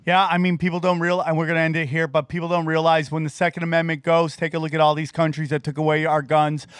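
Dude with a pretty high voice hosting a casual interview, earnest, dry close sound. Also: male voice, level tone, fast, dry recording. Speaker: show host and interviewer.

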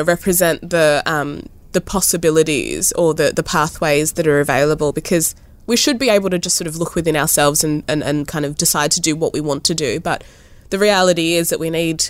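In her twenties, a low-pitched young woman speaks relaxed and thoughtful as an artist in a casual conversational interview, often pausing with "like" and "you know." She was born in Ethiopia and raised in Kenya and Australia, and her speech carries lively rises.

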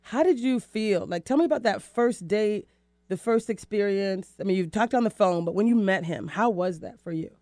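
A woman hosting a talk show, lively and laughing often as she asks questions. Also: medium pitch, moderate pace, no room sound, clean studio sound. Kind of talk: casual interview.

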